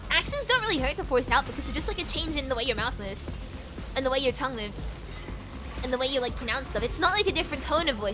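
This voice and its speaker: With a high-pitched voice, a young woman chats casually while streaming a game, bubbly and giggly as she rambles and repeats herself. Her accent flips between British and American.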